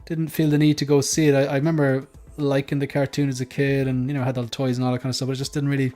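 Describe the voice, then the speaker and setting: A man's voice: mid-range voice, level tone, very fast, warm tone, soft background music. A man hosting a casual panel chat, rambling a little and repeating words as he goes. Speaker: host of a hobby panel show.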